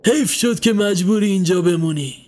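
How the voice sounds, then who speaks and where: A man voicing a kindly older man who keeps a basket of rabbits, asking slow, teasing, coaxing questions. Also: high-pitched, a little mellow, voice pushed up, lightly acted.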